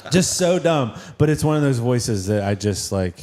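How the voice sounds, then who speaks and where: Animated storytelling man. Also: mid-range voice, normal speed. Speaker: stand-up comedian, guest. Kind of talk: casual podcast chat, storytelling.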